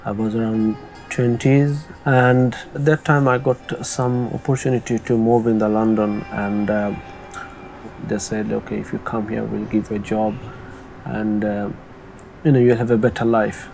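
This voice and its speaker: A young man, telling his own story in a halting, soft-spoken way with many pauses and restarts. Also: fairly low pitch, level tone, creaky, faint music behind. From Bangladesh. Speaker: interviewee. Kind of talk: personal testimony.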